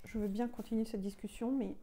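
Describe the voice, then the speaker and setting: A woman speaks from trance as a hypnosis subject, her voice set a little high. She answers curtly and stubbornly, pushing back against each question. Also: fairly even intonation, a little fast, warm tone. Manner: reluctant, defiant, short replies.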